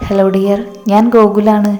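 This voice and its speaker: A woman's voice: mid-range voice, monotone, unhurried, dark tone, long reverb tail, faint music behind, natural voice. A woman reading a deceitful young charmer. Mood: coaxing. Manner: sweet-talking. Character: smooth-talking young man, deceitful charmer.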